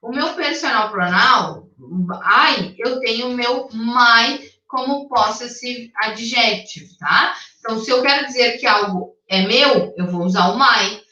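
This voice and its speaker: A woman English teacher, patiently explaining a recorded lesson, checking in often and reading English sentences slowly and carefully. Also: fairly high pitch, bright, forceful tone. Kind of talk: recorded online class explanation. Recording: dull, echoey sound from a distance.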